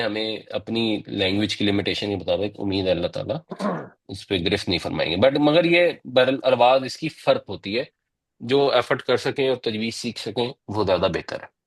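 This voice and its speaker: Man patiently explaining a religious lesson. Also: mid-range voice. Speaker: Quran teacher.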